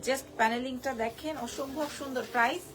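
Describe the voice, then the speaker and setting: A hoarse woman presenting a live-stream sari sale from Bangladesh, gushing over each piece and repeating prices and discounts. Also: high-pitched, fairly even intonation, a little fast. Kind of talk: live-stream sales pitch.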